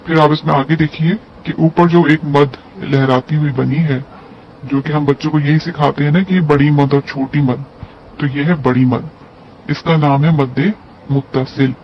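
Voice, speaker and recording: A man's voice: fairly high pitch, fairly even intonation, normal speed. A man teaching a lesson on Quran recitation, explaining step by step and drawing out syllables to demonstrate. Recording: dull lo-fi audio with faint hiss.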